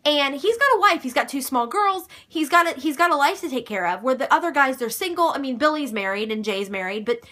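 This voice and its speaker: A young woman hosts a casual fan video, taking viewer questions one by one. She talks in a chatty, emphatic way, gushing and now and then swearing. Her voice sits a little high and sounds bright and sharp. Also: animated, a little fast, few pauses. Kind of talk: casual chat.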